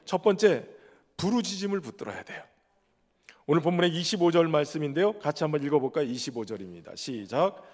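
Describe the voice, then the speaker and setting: A man's voice: a little high, big pitch swings, quick pace, darkish tone. A man preaching a sermon as pastor in a church sanctuary. He poses rhetorical questions and then answers them himself. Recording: long hall reverb.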